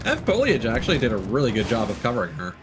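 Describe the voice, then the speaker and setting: A man streams a video game with casual, playful live commentary, thinking aloud and reading prompts as he goes. He talks fast at a medium pitch that swoops wildly, all over loud music.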